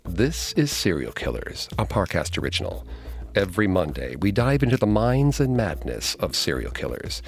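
An American man co-hosting a true crime podcast, narrating from a script in a measured, dramatic way. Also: sits low, big pitch swings, vocal fry.

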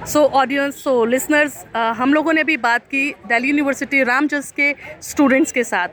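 A woman's voice: high-pitched, fairly even intonation, normal speed, fairly bright tone. A woman hosting street interviews at a city tea stall outdoors, effusive and encouraging with the people she meets. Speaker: host.

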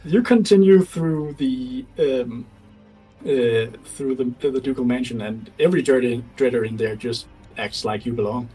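A man running a tabletop game, narrating in a loose, halting way. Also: mid-range voice, dark tone, far from the mic, faint music behind, rough recording. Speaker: game master.

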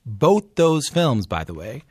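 A man's voice: medium pitch, very animated, slow pace, husky, dry recording. Chatty man, close and dry. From Newfoundland, Canada. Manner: informal, chatty, conversational asides. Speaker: radio show host and interviewer. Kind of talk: conversational radio introduction and interview.

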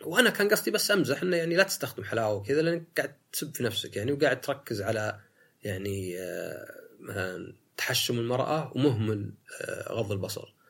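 A man hosts a solo talk podcast in a gravelly, husky voice. He argues in a casual way and mimics other people's lines to make his case. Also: mid-range voice, expressive, quick pace, a bit bright. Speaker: podcast host.

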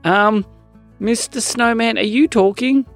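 A man voicing an eager, hesitant young boy who says um often and rises high when excited. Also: unhurried, soft background music, exaggerated voice.

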